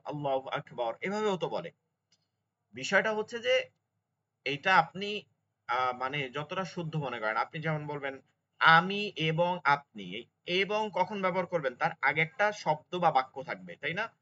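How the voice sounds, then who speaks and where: A man teaching an online Quran recitation class, patiently explaining rules and slowly chanting Arabic phrases. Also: fairly high pitch, pushed and bright, dull audio. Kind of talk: online tajweed lesson.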